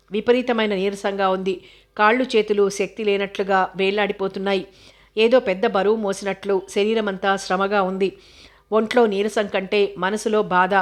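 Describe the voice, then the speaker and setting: A woman with a medium-pitched voice narrates an audio novel, reading the scripted text in a steady, measured storytelling style.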